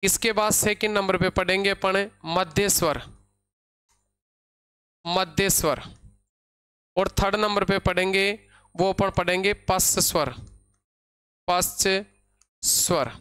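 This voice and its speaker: Smooth-voiced teacher quizzing students. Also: male voice, high-pitched, steady tone, fairly bright tone. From India. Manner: repeats key terms and quizzes the class with questions he answers himself; slow, dictating pace when spelling out terms. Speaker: Hindi grammar teacher. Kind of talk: online class lecture.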